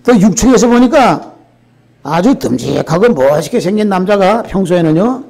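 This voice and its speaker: An older man preaching a sermon as pastor, telling a story in an animated way and often checking in with the congregation. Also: high-pitched, moderate pace, gravelly.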